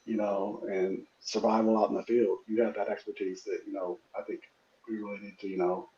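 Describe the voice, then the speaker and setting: A man's voice: lowish voice, flat delivery, a little fast, warm tone. A man hosting a casual chat, talking easygoing with many fillers. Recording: roomy, dull, noisy line.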